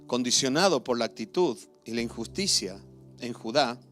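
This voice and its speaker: Guy preaching a sermon, loud then hushed, faint music under it. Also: medium pitch, animated, moderate pace. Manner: emphatic preaching, swinging from loud declarations to hushed asides. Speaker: pastor. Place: church.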